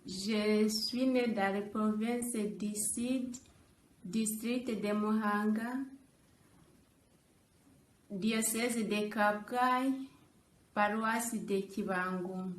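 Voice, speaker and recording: A woman from Rwanda, a novice nun giving a careful, soft-spoken personal testimony. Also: mid-range voice, echoey room, slight background noise, low-quality recording.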